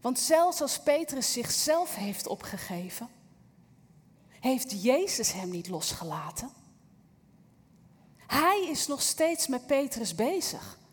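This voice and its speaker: A woman's voice: high voice, very animated, slow, pauses often, breathy edge, big-room sound. A woman giving an earnest, reflective sermon, speaking straight to the listener and reading a Bible passage aloud. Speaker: preacher.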